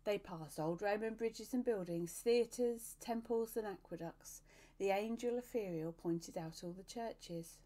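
A woman reads a novel aloud at a medium pitch. Her narration is steady and even, with an unhurried storyteller's delivery.

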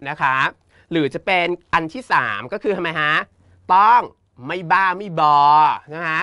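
A man with a Thai accent teaching an English exam lesson in a playful, teasing, campy way, reading the English options slowly. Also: sits high, sharp tone, no echo, studio quality. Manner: campy, teasing, uses feminine polite particles.

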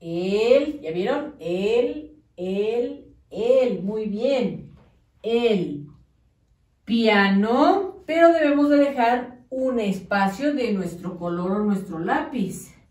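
A woman teacher, dictating to young children slowly and patiently, spelling words out syllable by syllable. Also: fairly high pitch, expressive, darkish tone, far from the mic. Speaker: primary school teacher. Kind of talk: slow, patient classroom dictation. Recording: echoey room, voice off-mic.

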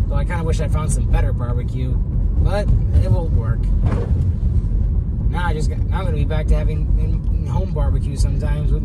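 A young man from Michigan vlogging while driving, tired, rambling and often repeating and correcting his words. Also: fairly high pitch. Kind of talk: casual talk to camera while driving. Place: inside a car on town streets. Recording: distant mic, loud road noise.

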